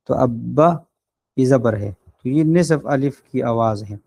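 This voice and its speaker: A man in a plain middle register gives an online recitation lesson in a close, dry recording with no room echo. He explains patiently and stretches his filler sounds as he thinks. He sounds out each vowel slowly and deliberately to model it. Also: mid-range voice, gravelly, warm tone. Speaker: Quran recitation teacher. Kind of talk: online class lecture.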